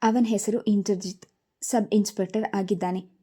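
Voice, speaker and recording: Woman narrator voicing a timid middle-aged mother, very dark mellow tone, storybook reading. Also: medium pitch, fairly even intonation, moderate pace, breathy edge, natural voice.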